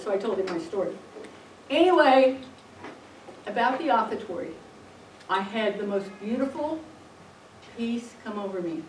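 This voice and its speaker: A middle-aged woman, a religion teacher, giving a personal faith testimony in an animated storytelling manner with fillers and restarts. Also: a little high, distant mic, a little hiss or hum. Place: church hall or parish room. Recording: echoey room, recorded from afar.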